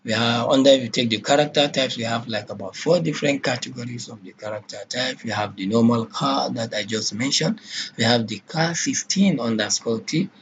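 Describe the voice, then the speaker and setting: A lecturer with a Nigerian English accent teaches a programming class, speaking a little fast at a medium pitch. He asks questions, answers them himself, and keeps checking in with a repeated "okay?". The recording has slight hiss or hum.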